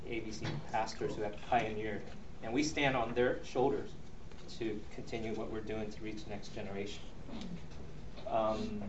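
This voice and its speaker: A man's voice: on the low side, level tone, normal speed. A middle-aged man, born in Taiwan and raised in the U.S., gives an earnest presentation to a church audience, with many ums and restarts. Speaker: ministry leader and speaker. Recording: roomy, distant, dull recording with faint noise.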